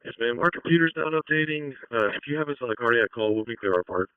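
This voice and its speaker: A man's voice: medium pitch, lively intonation, quick pace, clean tone, dry recording, phone-quality sound. A man speaking clipped, procedural police radio chatter as an emergency responder over a two-way radio. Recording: distant two-way radio transmission.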